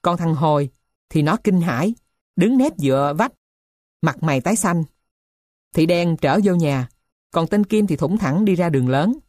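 A woman narrating a novel in an even, measured reading. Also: lowish voice, no echo, studio quality.

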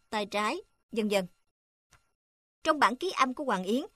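Woman reading a textbook aloud, slightly high. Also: no echo, clean studio sound. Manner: even, measured reading of list items. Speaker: narrator. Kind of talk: read-aloud textbook narration.

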